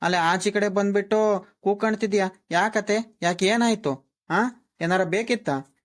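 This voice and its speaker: A woman's voice: medium pitch, close to an everyday voice. A woman voicing a practical young daughter-in-law in a village cartoon, with a matter-of-fact manner. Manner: matter-of-fact, listing, drawn-out fillers. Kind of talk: cartoon voice acting.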